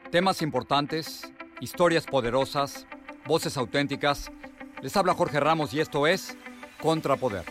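A man hosting a news podcast, interviewing a guest in a slow, deliberate, emphatic way. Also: on the high side, over music.

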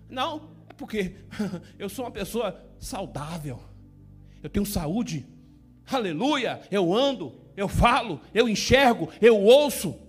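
A man's voice: high voice, breathy edge. A man with a Brazilian Portuguese accent preaching an informal sermon, joking in a folksy way and often checking that his listeners follow him. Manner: folksy, joking preacher who keeps asking the listener "tá entendendo?". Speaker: pastor.

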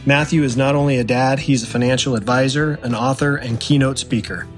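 Male host, scripted intro, enthusiastic read, soft music bed underneath. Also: mid-range voice, steady tone, fairly quick. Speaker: podcast host. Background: faint music.

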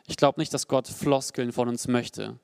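A young adult man preaching a sermon in an earnest, personal way, rising to emphatic peaks and dropping to quiet, low passages. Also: steady tone, moderate pace, creaky, smooth, no room sound, studio quality.

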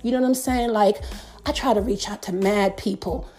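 A woman's voice: medium pitch, steady tone, moderate pace, a little mellow, faint music behind. A middle-aged woman hosting a podcast, ranting emphatically in profane street slang. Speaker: podcast host.

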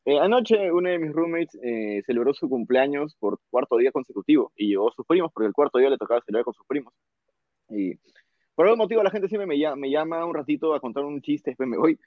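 A man telling jokey anecdotes in casual chat, animated and playful, acting out the voices of people he quotes. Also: on the high side, fast talker, no room sound. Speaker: guest storyteller. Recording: tinny phone-like sound.

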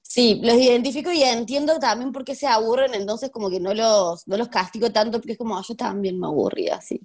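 A woman's voice: a little high, brisk. A woman in her thirties with a Rioplatense Spanish accent, a history teacher talking casually in an interview, laughing often and using many fillers. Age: 30s. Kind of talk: conversational interview.

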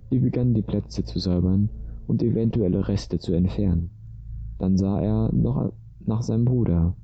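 A man reading a story aloud as narrator in a steady, even way, on a dull lo-fi recording. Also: fairly low pitch, gravelly, slightly rough, dry recording.

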